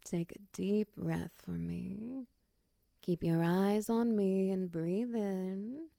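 Slow, gravelly soft-voiced woman soothing. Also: medium pitch, no echo, studio quality. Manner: soft, soothing, slips into whispers; guides slow breathing counts. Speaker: comforting partner in an audio roleplay. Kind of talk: ASMR comfort roleplay.

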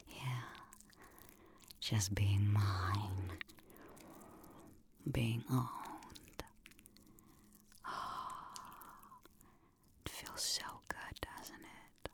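A woman whispering an ASMR roleplay close to the mic, with a breathy, teasing and dominant way of speaking. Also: very deep voice, noisy background. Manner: slow, teasing, dominant murmuring close to the ear.

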